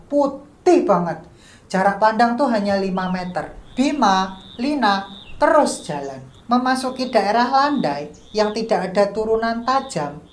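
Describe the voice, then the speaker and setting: A woman casually telling a mystical mountain story, chatty and full of slang and sound effects. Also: mid-range voice. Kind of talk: casual spoken horror storytelling. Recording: echoey room, faint music.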